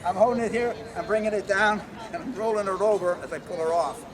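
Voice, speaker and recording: With a crowd behind him and city noise all around, a martial arts instructor explains self-defense moves one by one in a high voice at a quick pace. The hands-on demo takes place outdoors on public concrete memorial steps, and his tone stays informal.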